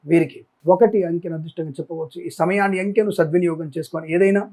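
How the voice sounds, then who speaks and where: A male astrologer hosting a daily horoscope reading. He talks quickly in a high voice and reels off long lists of predictions. His appeals to the audience are emphatic. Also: steady tone, warm tone. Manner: rapid listing, emphatic appeals. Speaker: astrologer and channel host.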